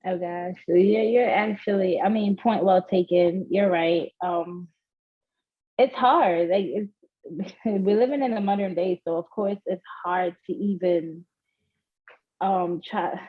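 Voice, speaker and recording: A woman from Guyana speaks slowly and hesitantly as a guest on a casual chat, filling her pauses with ums and nervous giggles. The recording sounds dull and lo-fi. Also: lowish voice.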